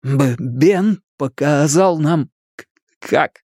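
A man's voice: fairly high pitch, very slow, darkish tone, dry recording, clean studio sound. A man reading aloud and voicing an earnest boy who stutters.

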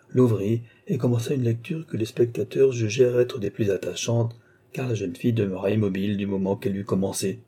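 A man narrating a classic novel in a measured, even reading. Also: on the low side, husky. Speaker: audiobook narrator.

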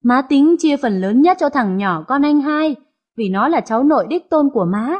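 A woman's voice: high-pitched, lively intonation, normal speed. A woman voicing a stern old mother. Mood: earnest. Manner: scolding, sharp-tongued. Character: stern grieving elderly mother, family matriarch.

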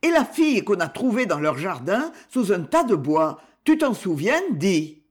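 A man voicing a weary, determined woman in her seventies who asks quiet, insistent questions. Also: high-pitched, very animated, unhurried, heavily acted.

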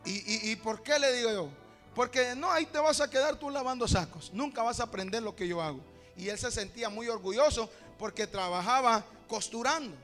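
A Honduran pastor preaches a folksy, storytelling sermon over background music, his voice extremely high and fairly quick. He keeps calling the congregation "brother" and works up to shouted praise at the close.

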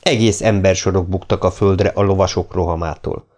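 Guy reading an audiobook, steady and measured, lowish voice. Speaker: audiobook narrator. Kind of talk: scripted narration.

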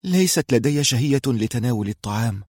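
A man's voice: medium pitch, animated, a little fast, darkish tone, slightly rough, dry recording, clean studio sound. A man voicing an anxious young woman whose voice trembles near tears in an audiobook. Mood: fearful.

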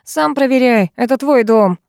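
A woman's voice: fairly high pitch, normal speed, creaky, darkish tone, no echo, studio quality, voice pushed up. A woman voicing a crude, brutal male kidnapper who snarls lewd threats, in a storybook reading. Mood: menacing.

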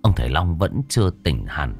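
A man's voice: rumbling low, very animated, normal speed, a little mellow, breathy edge, soft background music. A man narrating a horror story in a dramatic, suspenseful storytelling voice.

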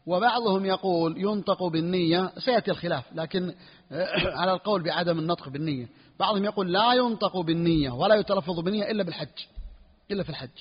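A man teaching a lesson on Islamic jurisprudence, repeating key phrases and often asking his students whether it is clear. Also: sits high, quick pace. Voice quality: husky, clears throat often. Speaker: sheikh teaching Hanbali jurisprudence. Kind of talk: classroom lesson explaining a fiqh text. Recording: dull recording with long hall reverb.

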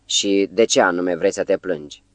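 A man voicing a calm, composed psychiatrist who speaks in a measured way, in an audiobook. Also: sits low, no echo.

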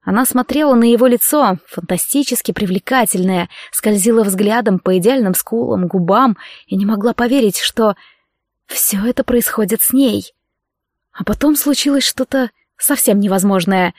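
A woman narrating a romance audiobook in an expressive storytelling manner. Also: mid-range voice, normal speed, no room sound, studio quality.

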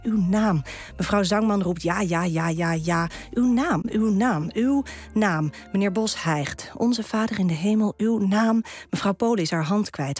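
A woman guest poet on a radio show, reading her own poem in a calm, measured way with deliberate pauses and talking about it in a studio. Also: mid-range voice. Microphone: studio microphone.

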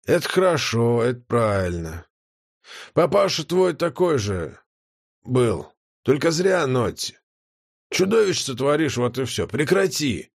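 A man's voice: medium pitch, very animated, a little slow. Man voicing a smug, mocking fat chaos guardian. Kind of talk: audiobook character voice.

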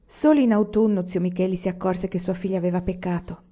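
A woman reading a classic novel aloud in a steady, measured audiobook narration. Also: fairly low pitch. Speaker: audiobook reader. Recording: slightly dull lo-fi recording.

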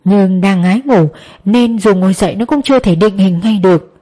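Woman reading a sad story out loud, emotional and tense, normal middle pitch. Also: normal speed. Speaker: narrator. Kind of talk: dramatic story narration.

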